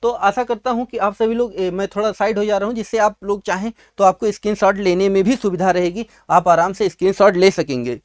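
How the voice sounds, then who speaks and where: Fairly quick and with hardly any pauses, a high-voiced male teacher works through an exam-prep vocabulary lesson at a writing board in a class video. He fires off questions and answers them himself, repeats key words, and speaks fondly to his students.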